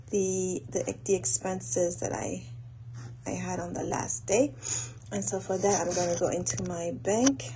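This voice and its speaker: Hosting a planning audio log for a women's group, a woman thinks aloud while doing tasks, speaking casually, unhurriedly and haltingly. Her voice is mid-range with a dark tone, and the rough recording carries noticeable background noise.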